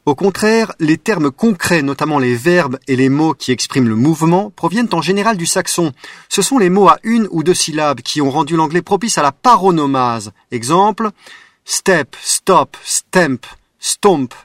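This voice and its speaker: A man hosting a radio show, narrating a scripted talk with a measured, wry delivery. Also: a little high, lively intonation, no room sound, clean studio sound.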